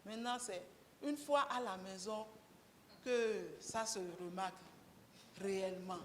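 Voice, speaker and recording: A woman speaks slowly and candidly, in a gently humorous, conversational way. Her voice carries a long reverb from the event room, and a faint ambience sits underneath. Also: medium pitch, a little hiss or hum. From Benin. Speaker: guest speaker, mechanic and garage co-owner. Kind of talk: candid talk to a breakfast audience.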